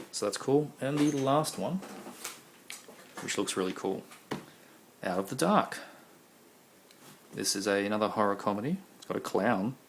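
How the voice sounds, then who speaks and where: With a lowish voice and vocal fry, a man rambles through showing off his videos, dropping ums and uhs throughout. It's a casual show-and-tell recorded noisily at home while he is losing his voice.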